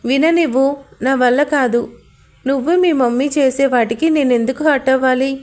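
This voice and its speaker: A woman's voice: sits high, normal speed, a little mellow, natural voice. A woman reading the lines of a hurt, fiery young woman in a love story, talking sharply and accusingly.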